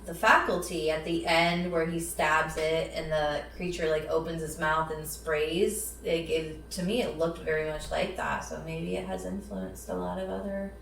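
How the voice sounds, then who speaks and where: Low-voiced woman, roomy and distant. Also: normal speed, few pauses, a bit bright, slight background noise. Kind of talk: casual podcast chat.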